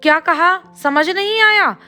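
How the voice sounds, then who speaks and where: A woman's voice: extremely high pitch, unhurried, sharp tone, faint music behind, voice pushed up, full character voice. A woman voicing a scheming, greedy older mother-in-law in a storybook tale, speaking in a harsh, scolding way. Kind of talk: storybook voice acting.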